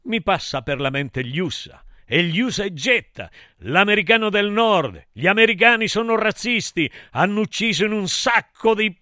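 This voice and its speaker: A man's voice: sits high, expressive, moderate pace, bright, forceful tone, dry recording, clean studio sound. A man telling a satirical myth in a theatrical, ironic way, full of wordplay. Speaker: storyteller. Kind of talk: satirical mythological storytelling.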